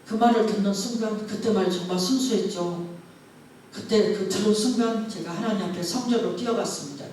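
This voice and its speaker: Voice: mid-range voice, fairly quick, a little mellow, a little hiss or hum. A pastor preaching a sermon through a story, acting out the dialogue as it goes. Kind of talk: testimony sermon. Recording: very echoey church hall, mic far off.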